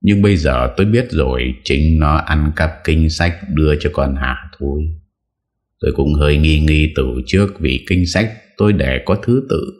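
A grave old temple master speaks in slow, measured explanation, as a man reading a storybook puts him on. The voice sits extremely low and stays calm throughout.

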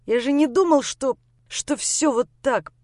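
A woman's voice: fairly low pitch, normal speed, darkish tone, no room sound, studio quality, close to an everyday voice. A woman reading the part of a bitter, injured young man who lashes out in harsh bursts of self-hatred. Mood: angry. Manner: harsh, self-hating outbursts.

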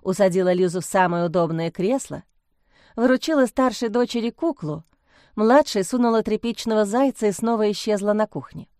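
A woman reading a story aloud as narrator, with an even storytelling cadence. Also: medium pitch, moderate pace, no room sound, studio quality. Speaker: audiobook narrator. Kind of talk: scripted narration.

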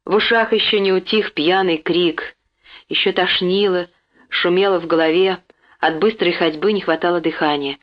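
A woman narrating an audiobook in a steady, expressive reading voice. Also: fairly low pitch, moderate pace. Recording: dull lo-fi recording.

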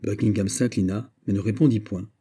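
In a lowish voice with a breathy edge, a male narrator reads a classic novel as an audiobook, keeping his storytelling steady and measured.

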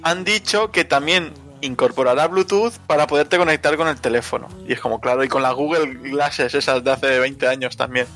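A man co-hosting a casual gaming podcast, lively and joking, swearing casually. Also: medium pitch, a little fast. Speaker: podcast co-host.

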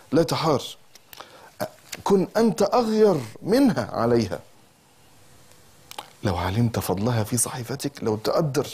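Egyptian preacher guy, husky voice, rapid fire sermon, keeps firing questions at his listeners. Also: medium pitch, a little mellow. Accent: Egyptian Arabic. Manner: impassioned, rhetorical questions, rising to emphatic peaks. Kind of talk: religious sermon.

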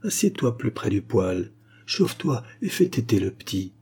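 A man voicing a kindly, devout old shoemaker who speaks gently and earnestly. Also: on the low side, very animated, normal speed, breathy edge, exaggerated voice. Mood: coaxing.

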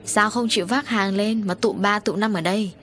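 A woman voicing a stern middle-aged man who runs a harbor crew, gruff and scolding, read as part of an audio story. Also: mid-range voice, fairly even intonation, normal speed, a bit bright, faint music behind, lightly acted.

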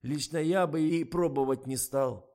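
A man's voice: a little high, a little slow, a little mellow, pitched above the performer's own voice. A man voicing a timid male camera operator with a nasal, stuffy voice from a cold.

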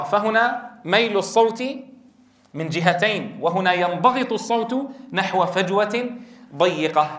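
High-voiced man teaching. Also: a bit bright. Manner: emphatic, repeats key points, addresses listeners as brothers. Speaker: Quran recitation teacher. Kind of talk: classroom lecture on recitation rules. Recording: echoey room.

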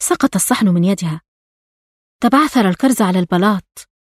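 A woman reads a novel aloud in a measured, intimate storytelling voice. Her pitch sits in the ordinary middle range. The sound is close and dry, with no room around it. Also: expressive, no room sound. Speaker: audiobook narrator. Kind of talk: literary audiobook narration.

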